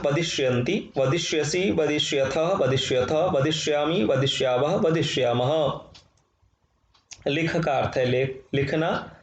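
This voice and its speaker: A man leads a recited grammar lesson, pacing out each verb form slowly and with care. His voice sits a little high for a man. The recording carries the echo of a reflective room. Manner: slow, measured recitation of verb forms. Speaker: Sanskrit teacher. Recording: echoey room.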